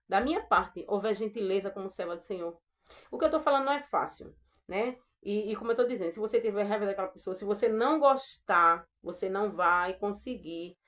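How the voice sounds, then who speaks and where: A woman with a Brazilian Portuguese accent giving a gentle, earnest devotional Bible talk, addressing her listeners as sisters. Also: mid-range voice. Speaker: preacher.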